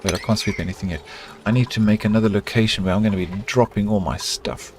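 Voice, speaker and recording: A middle-aged man with a South African accent talks fast in a fairly low voice against a noisy background. He's live-streaming a colony-building game, casually chatting with viewers and thinking out loud during construction.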